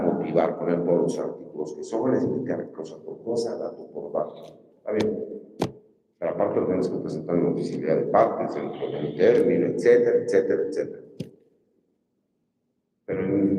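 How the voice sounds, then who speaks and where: Mexican man, campaign speech, emphatic, rhetorical questions, dark voice, long hall reverb. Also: deep voice, slight background noise. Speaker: judicial candidate. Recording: distant mic in a reverberant hall.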